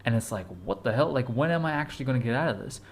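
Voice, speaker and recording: A man's voice: mid-range voice, lively intonation, very fast. A man in his twenties giving a casual motivational talk to camera, urgent and repetitive, blunt, with casual swearing. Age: 20s. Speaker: fitness vlogger.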